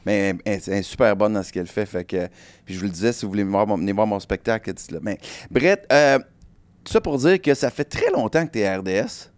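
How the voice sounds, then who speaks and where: A man's voice: fairly low pitch, dry recording. A man with a Québécois French accent hosting a podcast, chatty and joking with his guest. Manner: chatty, joking, quick to laugh. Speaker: podcast host. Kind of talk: casual podcast interview.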